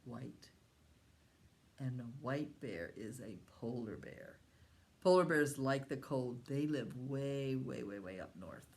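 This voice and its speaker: A woman's voice: extremely low pitch, animated, takes it slowly, a little mellow. A woman talking to young children as an educator, in a broad singsong presenter's manner, often asking them questions. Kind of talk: educational talk to young children about animals.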